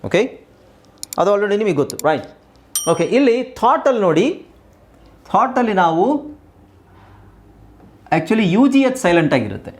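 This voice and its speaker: Patient Kannada-accented male English teacher. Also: sits high. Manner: explains patiently, repeats words, slow deliberate spelling aloud. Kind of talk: spoken English lesson.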